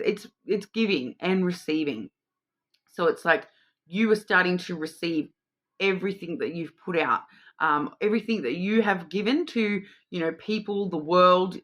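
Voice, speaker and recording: Speaking to camera, a middle-aged tarot reader with an Australian accent offers an intuitive card reading, full of ums and restarts as she rambles. Her voice is low but fairly bright.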